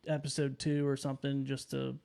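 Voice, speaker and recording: A man's voice: medium pitch, completely flat delivery, fairly quick, vocal fry, dark tone. A man in his thirties hosting a podcast in a studio, chatty and upbeat with loose, rambling phrasing. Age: 30s. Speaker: podcast host. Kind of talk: casual podcast chat.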